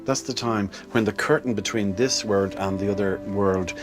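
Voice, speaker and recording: A man with an Irish accent telling folklore conversationally, in an unhurried, lilting storyteller's manner. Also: on the low side, steady tone, over music. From Ireland. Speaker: traditional Irish storyteller, guest.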